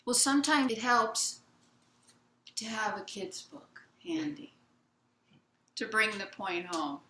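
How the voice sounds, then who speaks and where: Zen teacher lady, slow gentle dharma talk, roomy echoey hall. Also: on the high side, expressive. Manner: gentle, unhurried, reads a picture book aloud. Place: meditation hall of a Zen center.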